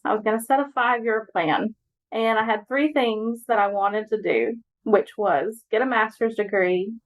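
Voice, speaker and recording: A woman's voice: on the high side, rough recording. A woman from Alabama, a podcast guest speaking earnestly and encouragingly about her own experience. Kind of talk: reflective personal talk.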